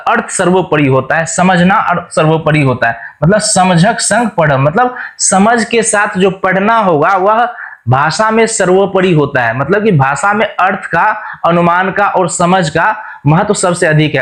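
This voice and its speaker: High-voiced male teacher explaining exam questions. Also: fairly bright tone. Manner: explains each point then repeats it in plain Hindi, checking with "ठीक ना".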